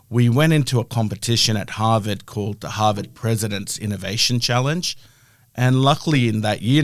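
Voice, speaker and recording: A man's voice: medium pitch, no echo. Man with a broad Australian accent, dry close sound. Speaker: interview guest, health-tech founder. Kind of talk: conversational interview, explaining his work.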